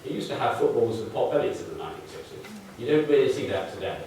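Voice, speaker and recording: Very fast and very animated, this older Manchester-born lecturer's dark, medium-pitched voice fills a big, heavily echoing hall from far away, with slight background noise. In his Mancunian accent he explains charts, adding wry, dry asides.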